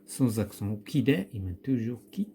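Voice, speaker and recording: Male teacher with a Moroccan accent, mellow tone, patient, spells words out and quizzes his pupil. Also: mid-range voice, sing-song, quick pace, slight background noise. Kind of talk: recorded classroom grammar lesson.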